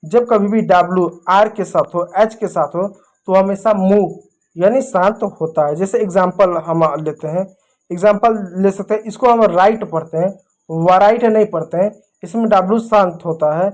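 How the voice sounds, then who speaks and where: A woman's voice: medium pitch, moderate pace, a little mellow. A woman teaching English spelling rules, patiently repeating each point and spelling words out letter by letter.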